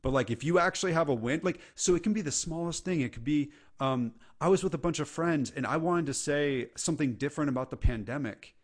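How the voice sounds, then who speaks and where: A man's voice: a little high, a little fast, few pauses. A middle-aged man, a leadership coach, talking earnestly and casually as a podcast guest. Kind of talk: podcast interview conversation.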